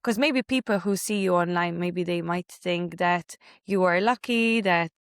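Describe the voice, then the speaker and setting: A woman's voice: on the low side, measured pace, clear, resonant tone, no echo, clean studio sound. A woman hosting a podcast, opening with a scripted intro and then inviting her guest to share her story. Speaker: podcast host.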